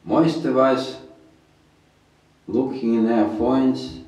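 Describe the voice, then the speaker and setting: A middle-aged man with a mid-range, slightly mellow voice reacts to a sermon with slow, deliberate, contemptuous and insulting commentary. He sits at a desk in a room crowded with ornaments, and the recording is very echoey.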